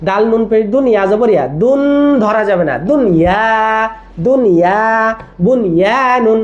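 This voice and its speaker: A mellow-toned recitation teacher gives a patient tajweed lesson, sounding words out letter by letter and repeating the drills. Short check-in questions come often. The recording is dull and lo-fi. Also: medium pitch, normal speed. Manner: asks frequent check-in questions.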